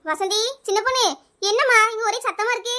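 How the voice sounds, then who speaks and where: A nosy older neighbour, voiced by a woman pokes into the quarrel with teasing questions in Kanyakumari Tamil. Her voice is very high and piercingly bright. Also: a little fast. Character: nosy elder-sister neighbour woman, meddling.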